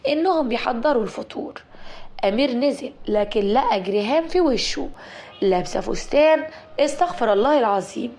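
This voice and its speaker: A woman with an Egyptian accent narrating a dramatic story in a steady voice. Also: on the high side. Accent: Egyptian Arabic.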